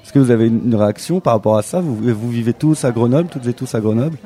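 A man hosting a live radio interview at an association forum, talking in a relaxed, chatty way with plenty of fillers. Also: medium pitch, quick pace. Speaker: radio host.

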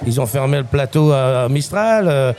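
A man's voice: medium pitch, lively intonation, normal speed, background noise. A middle-aged man with a Grenoble-area accent, a local resident chatting casually in an outdoor interview, talkative and often searching for words. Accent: Grenoble area (Grésivaudan). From Grenoble, France. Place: outdoors at a neighborhood festival.

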